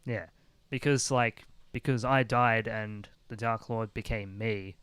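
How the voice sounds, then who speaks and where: A man's voice: lowish voice, steady tone, measured pace, a bit bright, smooth, dry recording. A man hosting a casual podcast chat, rambling with many restarts. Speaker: podcast host.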